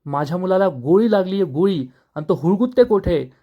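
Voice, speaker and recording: A man's voice: high-pitched, lively intonation, fairly quick, lo-fi sound. A man doing a furious, commanding rich father. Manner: shouting, scolding.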